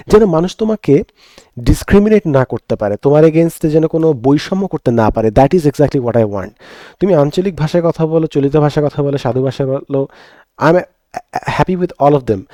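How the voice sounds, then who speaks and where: An earnest young man from Bangladesh, a teacher, talks through his thoughts in a reflective monologue. He moves freely between Bengali and English within sentences. His voice is mellow and relaxed, and it is recorded dry and close, with no room echo. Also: mid-range voice.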